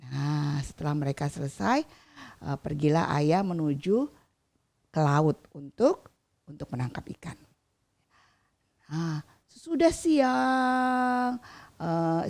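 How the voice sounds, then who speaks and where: A woman telling a folk tale, expressive, with frequent small fillers between phrases. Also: deep voice, takes it slowly. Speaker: storyteller.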